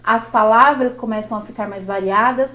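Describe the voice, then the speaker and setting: A Brazilian Portuguese-speaking woman teaching a workshop lesson on verse, slow and didactic, drawing out each syllable. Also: a little high, sharp tone.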